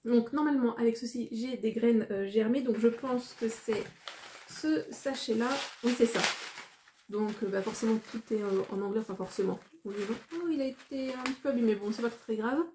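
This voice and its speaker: Mellow, hesitant French woman vlogger. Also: a little high, slight background noise. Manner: hesitant, rambling, frequent pauses. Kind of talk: casual unboxing vlog.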